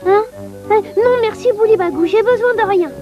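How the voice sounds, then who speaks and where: A woman's voice: extremely high pitch, moderate pace. A woman voicing a kind, curious little boy snowman in a children's cartoon, childlike and full of exclamations. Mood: puzzled. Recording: muffled audio with music behind.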